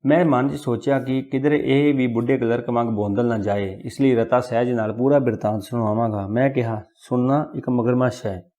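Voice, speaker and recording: A man narrating a storybook in an expressive, deliberate way, shifting into character voices when the story calls for it. His voice sits at a medium pitch. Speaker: audiobook narrator.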